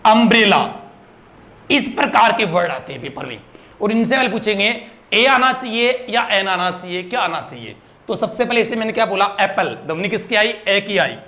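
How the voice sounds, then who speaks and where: A teacher leads a grammar lesson in a high, light voice. He asks his students questions again and again and repeats their answers back as a drill. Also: a bit bright.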